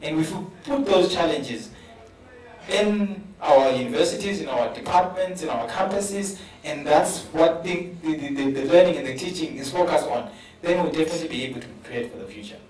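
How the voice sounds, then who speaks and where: A man's voice: a little high, animated, a little fast, a little mellow. A man with a South African English accent speaking earnestly on a conference panel, often repeating words as he builds a point. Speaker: panelist, professor. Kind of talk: panel discussion. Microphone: handheld mic. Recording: roomy hall from a distance.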